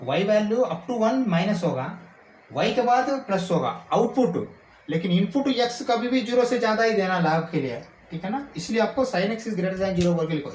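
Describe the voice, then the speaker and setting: A man teaching calculus, checking in often with quick questions and slowing down to dictate formulas. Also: high voice, darkish tone. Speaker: maths teacher. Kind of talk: explaining calculus while writing. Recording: echoey room with faint ambient noise.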